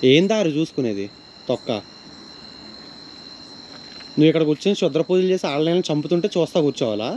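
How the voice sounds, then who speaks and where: A man vlogging a ghost hunt in a forest, talking straight to his viewers and shouting when startled. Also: on the high side, lively intonation, a little fast, a little hiss or hum. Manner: addresses viewers as "guys", shouts and yells when scared. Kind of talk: excitable horror vlog narration. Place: outdoors in a forest. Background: background music, crickets.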